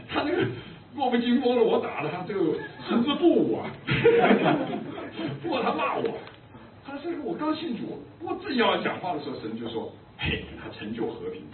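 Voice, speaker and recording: A man's voice: very high voice, huge pitch swings, moderate pace, noisy background. An older man preaching a sermon as a pastor, telling humorous anecdotes. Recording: distant echoey phone-like recording.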